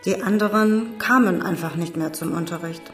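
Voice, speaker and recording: A man voices a bitter, weary woman teacher, sounding blunt and resigned. His high voice sits above his own natural pitch yet stays close to everyday speech, delivered at a moderate pace with faint music in the background.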